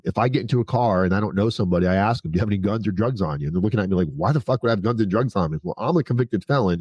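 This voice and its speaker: Candidly recounting his life in an interview, this podcast guest is a prison consultant in his forties. He speaks with a fairly low, slightly mellow voice, recorded dry.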